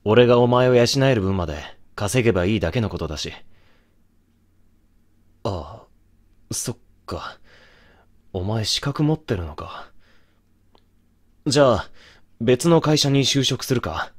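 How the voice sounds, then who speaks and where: A man's voice: medium pitch, expressive, unhurried, long pauses. Man acting a remorseful young boyfriend, intimate pillow talk. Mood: apologetic, subdued. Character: remorseful young boyfriend, brusque but tender and protective.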